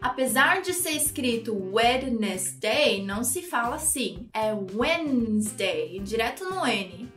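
High-voiced woman teaching pronunciation. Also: expressive, fairly bright tone, far from the mic. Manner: clear, slow modeling of English words for repetition. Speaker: English teacher. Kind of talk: YouTube pronunciation lesson. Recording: roomy, off-mic with light music.

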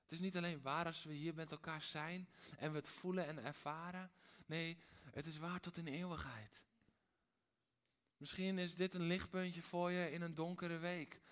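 A man preaching a sermon in a dramatic way, swinging between hushed and loud, with repeated rhetorical phrases. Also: on the high side, steady tone, moderate pace, clean tone. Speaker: pastor.

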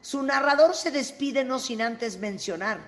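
A woman hosting a radio show, reading humorous verse and bantering briskly with her co-host. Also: high voice. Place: radio studio.

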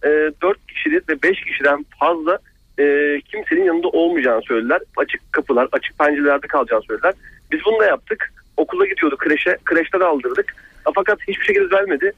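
A man calling in to a radio show over a landline phone, telling his story without pausing for a break. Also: a little high, big pitch swings, gravelly, husky, no echo. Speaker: radio call-in caller. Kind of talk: call-in question to a doctor. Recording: dry tinny phone line.

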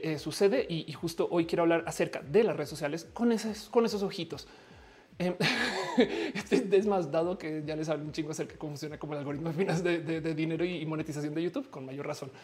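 Una mujer con acento mexicano que conduce un directo en línea, charlando de forma informal y bromista, con muchas muletillas y frases que arranca de nuevo. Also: female voice, lowish voice, darkish tone. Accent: Mexican Spanish. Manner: chatty, joking, many fillers and restarts. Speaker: livestream host. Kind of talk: casual live-stream chat.

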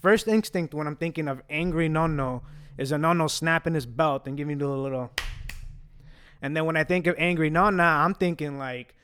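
A young man whose first language is Italian hosts a casual fan Q&A, answering questions in a chatty, joking way with a slight stutter and some restarts. His voice sits on the high side, with a moderate pace and a slightly bright, clean tone, recorded dry.

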